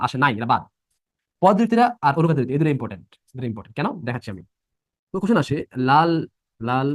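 Young guy teaching fast, voice jumping all over, keeps asking the class questions. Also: fairly high pitch, no room sound, clean studio sound. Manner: repeats points and quizzes students by asking questions. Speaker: admission-prep teacher. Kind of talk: live online class lesson.

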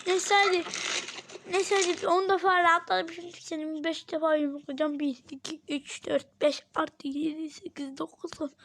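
A woman vlogging a reaction challenge, talking to viewers in an excitable way, with frequent exclamations and counting aloud. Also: very high-pitched, normal speed, a little hiss or hum. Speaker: video creator.

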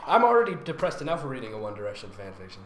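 With huge pitch swings around a medium register and a rapid-fire pace, the host mocks the fan fiction being read aloud. This fanfic reader and voice actor plays it theatrical, sarcastic, and giggly. Faint background noise and a roomy echo come through on the recording.

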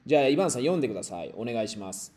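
A man leads a language class and moves between Spanish and Japanese. He speaks patiently, repeating each phrase so the students can copy it, at an ordinary pitch for a man. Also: sing-song, a little fast, noisy background. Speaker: Japanese teacher.

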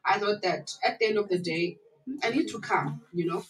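A woman's voice: medium pitch, moderate pace, low-quality recording. Wheezy South African woman radio host. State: wheezy from asthma. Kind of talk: chatty live community radio hosting. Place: small radio studio. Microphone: studio microphone on a desk stand.

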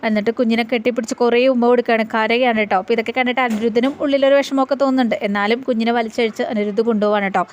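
Fast-talking woman recapping a serial. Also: on the high side, steady tone, slight background noise. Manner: rapid storytelling, tags lines with a chatty 'you know'. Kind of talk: retelling a television serial episode.

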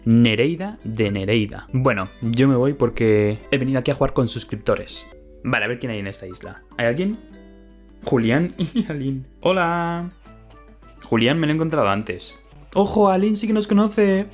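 Excitable young Spanish gamer man. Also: mid-range voice, moderate pace, faint music behind. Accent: Spain Spanish. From Valencian Community, Spain. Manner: excitable, laughs often, chatty. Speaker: gaming YouTuber. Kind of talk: casual let's-play commentary.

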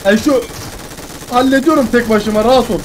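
A man in his twenties hosting a gaming video, excitedly bantering and commentating in role as he plays. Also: extremely high pitch, a little fast, a little hiss or hum.

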